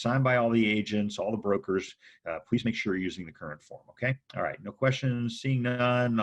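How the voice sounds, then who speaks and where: A man teaching real estate contracts in a casual lecture, often checking in with "okay?" and "right?". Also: fairly low pitch. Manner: chatty, frequent "okay?" and "right?" check-ins. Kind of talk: informal training lecture.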